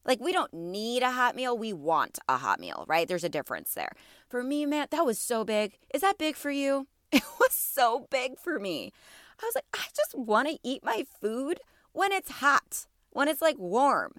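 This podcast host's voice sits a little high and has a sing-song lilt, moving at a normal speed in a studio-quality recording with no room sound. She's in her thirties, runs a wellness show, and sounds a bit stuffy from allergies while she talks casually, encourages her audience warmly, and poses questions to them.

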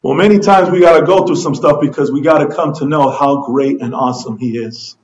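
High-voiced impassioned male preacher. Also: a little fast, rough recording. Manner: impassioned preaching, acting out pleading prayers. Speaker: pastor. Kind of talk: sermon.

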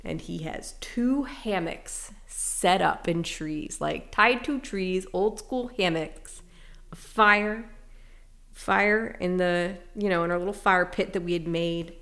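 A woman with a low, gravelly voice talks as an interview guest, candid and reflective. She laughs easily between thoughts and speaks plainly about hard times. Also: slow pace, a bit bright. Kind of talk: casual emotional interview.

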